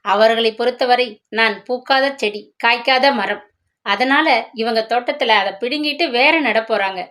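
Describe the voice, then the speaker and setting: A woman voicing a heartbroken young married woman who speaks with quiet, sorrowful firmness. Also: fairly high pitch, moderate pace, close to an everyday voice. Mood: firm.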